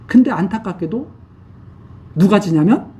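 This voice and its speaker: Man preaching with lively, animated delivery. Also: sits high, moderate pace, far from the mic, a little hiss or hum. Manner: retells scripture in casual speech, acting out kings' lines. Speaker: pastor. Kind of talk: sermon.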